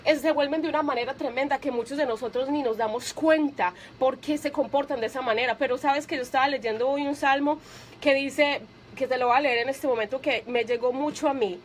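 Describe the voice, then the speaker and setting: A woman delivers a fervent radio sermon in a high, bright-pitched voice. She slows down to read scripture aloud, leaning hard on each phrase. A faint hiss sits under her voice. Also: steady tone. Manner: reads scripture slowly and with emphasis. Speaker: radio preacher.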